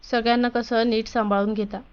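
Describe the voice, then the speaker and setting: A woman's voice: on the high side, flat delivery, brisk, clear, resonant tone, natural voice. A woman voicing a polite young daughter-in-law who hides her hurt, in a story reading. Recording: dull lo-fi recording.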